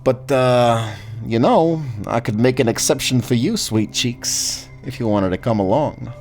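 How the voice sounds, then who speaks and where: An actor playing a jovial, flirtatious Grim Reaper with a folksy, slangy, teasing manner and morbid humor in a fantasy audio roleplay. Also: male voice, medium pitch, measured pace, darkish tone, soft background music, natural voice. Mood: casual, flirty.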